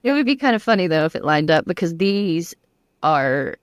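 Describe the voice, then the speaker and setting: A woman co-hosting a podcast, her lowish voice swinging lively up and down. She trades quick, teasing quips in a dry, close-mic sound. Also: no room sound. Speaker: podcast co-host. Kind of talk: casual podcast banter.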